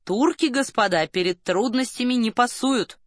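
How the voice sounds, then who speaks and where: A woman's voice: on the high side, normal speed, no room sound, studio quality, close to an everyday voice. Woman doing a wry worldly diplomat. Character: smiling worldly male diplomat, wry storyteller.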